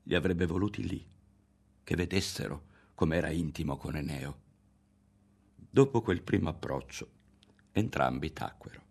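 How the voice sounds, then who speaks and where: A man reading a literary novel aloud as an audiobook narrator, in a measured and expressive manner. His voice sits very low and carries a gravelly rasp. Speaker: audiobook reader.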